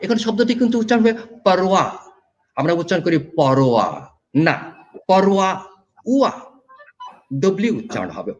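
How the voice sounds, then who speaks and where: A man's voice: high-pitched, racing, lo-fi sound. A man judging a recitation contest, giving spoken feedback and sounding out pronunciations. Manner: lively, demonstrates pronunciation aloud. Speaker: recitation competition judge.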